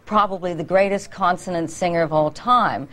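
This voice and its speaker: A woman's voice: on the low side, normal speed, fairly bright tone. Articulate middle-aged woman vocal coach, leans into consonants, interview guest. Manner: articulate, demonstrative, stretches consonants. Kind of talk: morning show interview.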